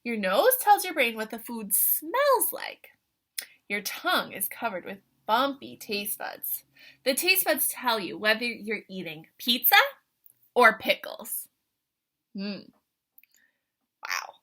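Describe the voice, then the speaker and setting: A woman reading a picture book aloud to young children like an excited teacher, with animated wonder, questions and asides in a breathy voice. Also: a little high, slow pace, long pauses.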